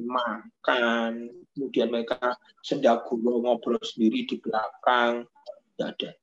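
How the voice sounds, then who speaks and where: A man preaching a sermon as pastor, telling stories in a lively way and acting out the voices of the people in them. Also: medium pitch, dull audio. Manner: animated storytelling, acts out quoted voices.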